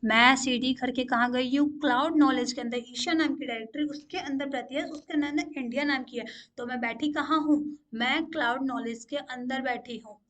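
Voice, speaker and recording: High-voiced woman teaching a tech tutorial. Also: normal speed, fairly bright tone. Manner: repeats "ठीक है" to check in, asks questions aloud. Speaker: instructor. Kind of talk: screen-share coding tutorial.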